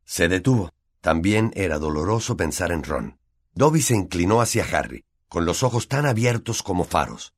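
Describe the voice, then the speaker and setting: Male narrator with a Latin American Spanish accent, low voice, measured audiobook reading. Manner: measured, steady storytelling.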